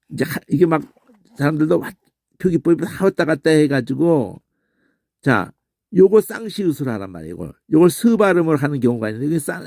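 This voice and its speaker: A middle-aged man giving an informal pronunciation lesson, demonstrating sounds aloud and checking in with quick questioning grunts. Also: a little high, a little mellow, no room sound, clean studio sound. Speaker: Bible language teacher.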